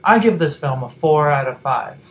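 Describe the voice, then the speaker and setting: A man's voice: fairly high pitch, expressive, normal speed, low-quality recording. A man giving a casual, enthusiastic movie review, addressing viewers directly. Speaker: film reviewer.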